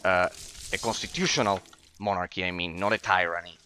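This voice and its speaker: This low-voiced man, a Spanish speaker by birth in his late twenties, talks informally to viewers during a gaming stream and frequently trips over and repeats his opening words. He sounds brisk, pushed and bright, with an even tone. There is a little background noise.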